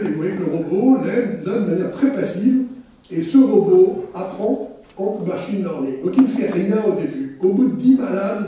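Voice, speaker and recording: An older man lectures on a surgical video in a large, echoing hall, his voice fairly high but mellow. He sounds set back from the microphone, with faint background noise. He talks loosely, restarting phrases and dropping in asides. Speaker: surgeon presenting at an academic session. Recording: roomy hall, speaker far from mic.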